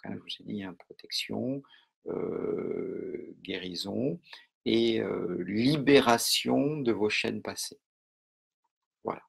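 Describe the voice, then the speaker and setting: Un homme avec un accent français donne un cours en direct sur le mentalisme, d'un ton calme et posé, avec beaucoup de pauses et d'hésitations. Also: male voice, lowish voice, vocal fry, husky. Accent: French. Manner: calm, measured, with many pauses and fillers. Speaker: mentalism teacher. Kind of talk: live online lesson.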